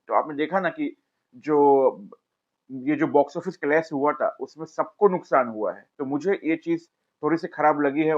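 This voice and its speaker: A man's voice: on the high side, muffled recording. A man giving a casual film review, talking straight to his viewers. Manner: chatty, addresses viewers directly, pleads to subscribe. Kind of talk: casual video review narration.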